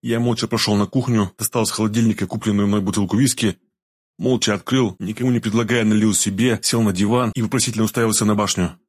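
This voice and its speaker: A man narrating a first-person story in an even, steady reading voice. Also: fairly low pitch, fast talker, slightly rough, no room sound, clean studio sound. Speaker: audiobook narrator.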